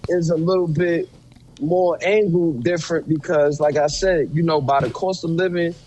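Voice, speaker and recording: A man's voice: fairly high pitch, fairly even intonation, moderate pace, a little mellow, poor audio. A man from Brooklyn, a guest telling casual, streetwise stories with plenty of swearing. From Brooklyn, New York. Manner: laid-back, streetwise, profane. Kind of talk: casual storytelling chat.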